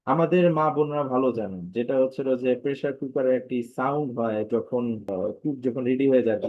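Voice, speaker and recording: A man teaching a live online class, going slowly and patiently as he repeats syllables and stretches out each letter sound. His voice sits a little high for a man, and the audio is dull and lo-fi. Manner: slow, patient drilling of sounds with many repetitions; drawn-out sung syllables when modeling letters.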